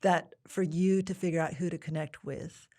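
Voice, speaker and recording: A woman's voice: on the low side, fairly even intonation, normal speed, mellow. A woman hosting a podcast, asking her guest curious, conversational questions. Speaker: podcast host. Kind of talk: podcast interview.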